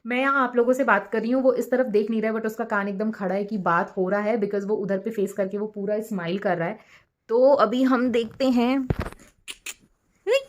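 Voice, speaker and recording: A woman chatting casually in a home vlog, a mother who mixes English words into her talk and at times speaks very softly so her baby can sleep. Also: medium pitch, fairly even intonation, a little fast. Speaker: vlogger and mother. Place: at home, in a room. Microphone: phone camera.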